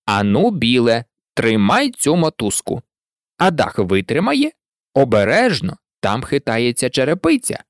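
A woman's voice: very deep voice, wildly swooping pitch, unhurried, no room sound, studio quality, heavily acted. Woman doing bickering little animal workers. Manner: bickering, shouting over each other. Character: rowdy crowd of small animal workers. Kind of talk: audiobook character voices.

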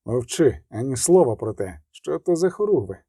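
A man voicing a weary, curt witcher swordsman who speaks tersely in a low, subdued voice. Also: big pitch swings, normal speed, dark tone, slightly rough, dry recording, clean studio sound.

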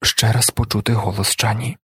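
A man's voice: moderate pace, slightly rough, no room sound. A man voicing a grave, restrained ruler. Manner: restrained, calm, low-voiced. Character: grave, controlled blind male ruler.

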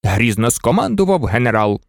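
A narrator reading a children's story aloud in an expressive, melodic way. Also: mid-range voice, normal speed, no echo, clean studio sound.

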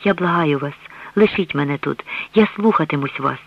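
A frail, frightened woman, voiced by a man, who pleads and frets on the edge of tears. The voice lifts a little higher and strains. It is heard on a dull, dry radio recording. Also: normal speed, vocal fry, no echo. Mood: pleading. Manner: pleading, tearful.

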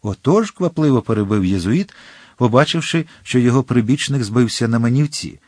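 A man narrating a classic novel in an expressive, animated reading. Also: mid-range voice, fairly quick, dry recording, studio quality. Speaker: audiobook narrator. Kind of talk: scripted literary narration.

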